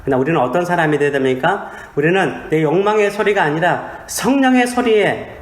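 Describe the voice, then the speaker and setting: In an echoey small-church sanctuary, a pastor with a brisk, slightly high voice preaches a sermon. He mixes in humor and puts questions to the congregation.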